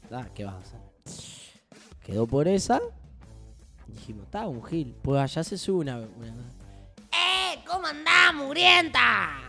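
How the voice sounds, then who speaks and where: A young man with a Uruguayan Spanish accent, chatting casually and telling an animated anecdote. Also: mid-range voice, moderate pace, long pauses, faint music behind. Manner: animated, acts out voices in anecdotes. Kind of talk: casual chat, storytelling.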